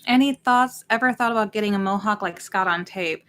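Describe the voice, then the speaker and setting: Co-hosting a horror watch-party livestream, a woman in her late thirties rambles casually and reads out viewer names. Her voice is medium in pitch, brisk, and fairly bright.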